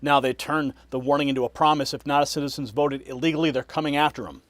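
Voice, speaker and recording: A man's voice: fairly high pitch, steady tone, quick pace, a bit bright, dry recording. A man hosting scripted political commentary in an emphatic, alarmist manner.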